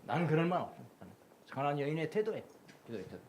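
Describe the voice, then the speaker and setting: A man's voice: on the high side, sing-song, racing, a little mellow, a little hiss or hum. A middle-aged man from Jeolla, South Korea, preaching a Sunday sermon as pastor in a church, stacking repeated phrases into rhythmic lists. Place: church sanctuary.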